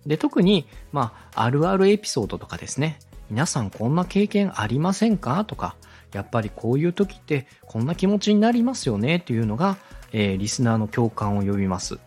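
A man with a mid-range, slightly mellow voice and a breathy edge talks fairly quickly, his pitch swinging widely and pauses almost absent. He's a podcast host and radio director giving advice, explaining things politely and conversationally straight to the listener and acting out example questions as he teaches. Faint background music plays underneath.

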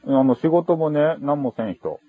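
A man's voice: fairly high pitch, a little slow, mellow, slightly rough, dry recording. A man with a Kyushu accent making a prank phone call, teasing and playing dumb. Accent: Kyushu Japanese. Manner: playful, feigning naivety, teasing. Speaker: prank caller.

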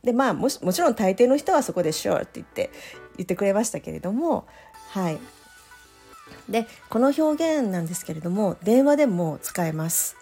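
A woman teaching English pronunciation in a casual spoken lesson, explaining step by step and saying example phrases slowly. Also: mid-range voice, sing-song, creaky, mellow. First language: Japanese. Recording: faint background music.

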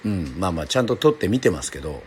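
Chatty Japanese musician hosting a livestream. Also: male voice, low voice, very animated, very fast, slight background noise. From Yoron Island, Japan. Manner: chatty, jokes at himself, answers listener comments. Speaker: musician hosting a live online radio stream. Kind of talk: casual livestream chat.

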